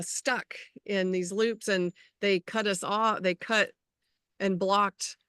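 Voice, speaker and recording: A middle-aged woman who works as an energy healer co-hosts a casual spiritual chat, rambling and halting as she hunts for words. Her fairly low voice is a bit bright, recorded at studio quality with no echo.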